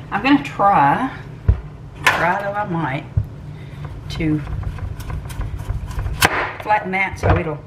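An older woman, chatting homily as she walks through a recipe in her home kitchen. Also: lowish voice. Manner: homey, chatty, with soft laughs and fillers. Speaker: home cooking channel host. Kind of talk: casual cooking demonstration. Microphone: camera mic across the kitchen. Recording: distant camera mic with background noise.

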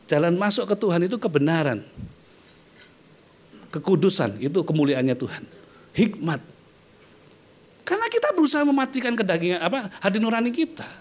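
A male pastor delivers a sermon in a church. His voice sits high and leaps widely, rising and falling as he calls out to his listeners. He tells stories in a chatty way, with playful asides. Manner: lively preaching, often calling out to listeners, playful asides.

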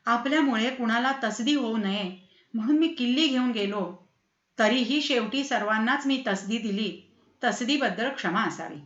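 A woman voicing a revered, meek elderly man who speaks softly and humbly in a storybook reading. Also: extremely high pitch, normal speed, roomy sound, highs cut off. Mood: apologetic. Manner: soft, humble.

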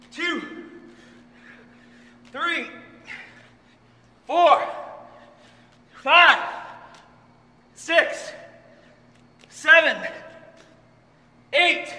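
A male fitness trainer talks slowly and leads a home workout, counting every rep aloud while doing it himself and straining for breath. His voice sits very high and sounds sharp and tense. The recording is echoey, with a long reverb tail in the room. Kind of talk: workout instruction.

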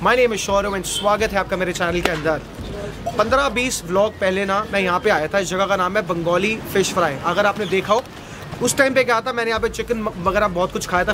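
An Indian man in his thirties hosting a casual street food vlog with an enthusiastic, exclaiming manner, switching between Hindi and English. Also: high-pitched. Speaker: food vlogger and host. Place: outdoors at a street food cart area.

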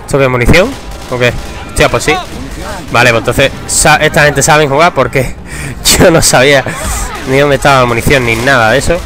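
A young man giving casual, excitable gameplay commentary, swearing and breaking into shouts. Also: medium pitch, fairly quick. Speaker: gamer. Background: game music.

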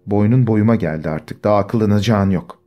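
A man reading the part of a young village woman who quietly tells of being wronged, in a soft, timid way. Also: lowish voice, fairly quick, soft background music, lightly acted. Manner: quiet, timid, restrained storytelling.

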